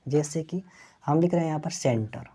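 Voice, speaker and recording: A woman's voice: low-pitched, moderate pace, warm tone, breathy edge. A woman teaching an English lesson, explaining letter sounds and asking her students questions, then repeating each answer.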